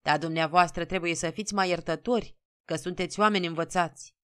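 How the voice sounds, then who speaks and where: A woman's voice: medium pitch, very animated, a bit bright, clear, resonant tone, dry recording, studio quality. A woman voicing a humble, pleading old peasant man in a storybook reading. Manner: pleading, meek.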